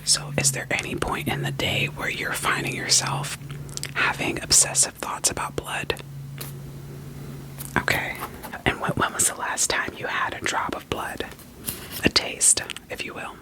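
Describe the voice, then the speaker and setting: A woman whispers in a measured, often-pausing way while roleplaying a therapist for soothing ASMR. She asks gently probing questions playfully and repeats short phrases, and the recording is rough.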